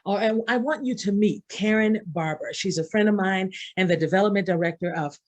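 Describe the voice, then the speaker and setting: A woman's voice: medium pitch, a little fast, a little mellow. A woman hosting a live online event, enthusiastic and effusive, a little out of breath. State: slightly out of breath. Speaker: event host.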